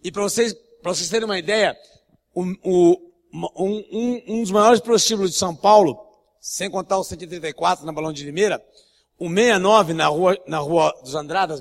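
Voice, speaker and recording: A man with a Brazilian Portuguese accent, a pastor preaching a sermon full of blunt, emphatic stories and repeated phrases. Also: high voice. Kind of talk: sermon with anecdotes. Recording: long church-hall reverb.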